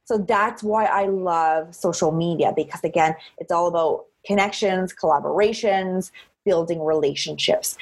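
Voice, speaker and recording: Chatty woman, slightly husky. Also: lowish voice, moderate pace. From Cape Breton, Canada. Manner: chatty, outgoing, emphatic with repeated phrasing. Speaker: interview guest, social media marketer. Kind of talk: conversational interview.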